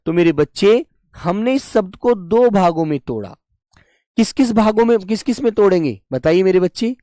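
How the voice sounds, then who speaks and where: A young man teaching a live online Hindi class, patient and deliberate, repeating each point and calling students his dear children. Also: sits high, expressive, dark tone, dry recording, studio quality. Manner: slow and deliberate, breaks words into parts.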